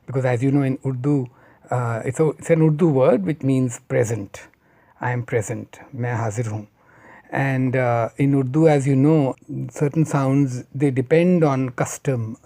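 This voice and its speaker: Mellow-voiced man explaining idioms. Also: medium pitch. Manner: unhurried, chatty, with personal asides. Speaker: language explainer. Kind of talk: casual explanatory talk.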